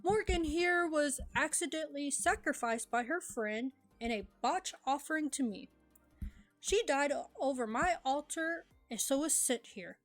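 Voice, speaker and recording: A woman reading aloud, voicing a smooth, courteous male god. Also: high-pitched, lively intonation, measured pace, faint music behind, poor audio. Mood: explaining.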